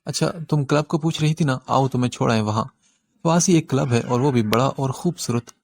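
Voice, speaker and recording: A man's voice: medium pitch, vocal fry, a little mellow. A man reading an audiobook voices a young male street thug who wheedles and then whispers in fright. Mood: wheedling, nervous. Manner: wheedling, nervous whispers to his friend.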